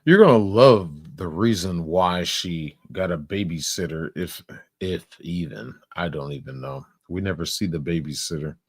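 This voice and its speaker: A man's voice: low voice, normal speed, husky, dry recording, clean studio sound. A man giving crude, sarcastic reaction commentary, mocking and swearing as he talks.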